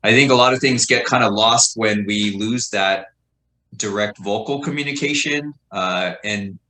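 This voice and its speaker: A man's voice: lowish voice, normal speed, sharp tone, low-quality recording. A middle-aged man chatting as a podcast guest, a teacher talking in a rambling, reflective way full of fillers. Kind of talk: casual conversation.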